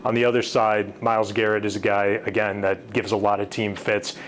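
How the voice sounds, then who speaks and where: A man with a low, flat voice asks a coach questions in a conversational tone. A faint noise hums in the background. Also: fairly quick. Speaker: interviewer. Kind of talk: sports interview questions.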